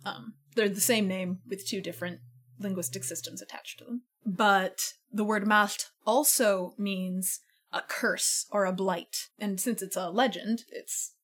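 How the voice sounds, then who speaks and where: A woman's voice: mid-range voice, fairly even intonation, unhurried, a bit bright. A woman hosting a radio show from a living room studio, chatty and patient as she explains words, often laughing. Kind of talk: casual chat.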